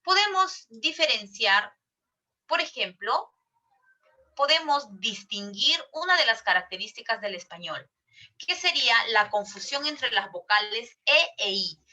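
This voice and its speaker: Bright Peruvian woman teaching a class. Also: a little high, expressive, unhurried. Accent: Peruvian Spanish. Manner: asks the class questions and repeats herself often. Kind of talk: classroom lecture.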